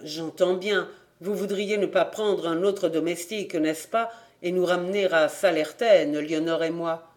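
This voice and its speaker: A man's voice: high voice, fairly even intonation, a little slow. A man reading an audiobook, voicing a young son who left the farm, speaking defensively and a little sheepishly. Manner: evasive and defensive, half-sheepish.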